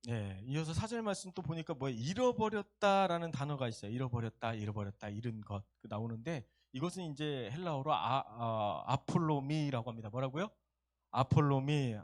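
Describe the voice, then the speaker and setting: A male pastor preaching a sermon, keeps asking the congregation questions and joking with them. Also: a little high. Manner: lively, asks the congregation questions and jokes. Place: church service.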